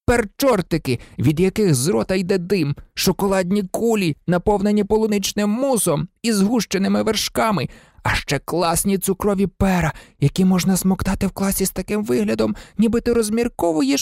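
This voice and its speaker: An audiobook reader voicing an excitable, blunt teenage boy who blurts out his ideas eagerly. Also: mid-range voice, moderate pace, gravelly, no echo, clean studio sound, pitched above the performer's own voice, natural voice. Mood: dreamy. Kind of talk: audiobook character reading.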